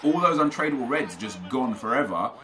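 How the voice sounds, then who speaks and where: A young British man hosts a gaming video, casually arguing with viewer comments, rambling and correcting himself mid-sentence. His mid-range voice is animated, pushed and bright, and he talks a little fast.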